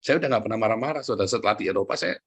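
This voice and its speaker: A man preaching a sermon, lively and joking, often turning to address the congregation directly. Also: fairly low pitch, rapid-fire, slightly rough. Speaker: pastor.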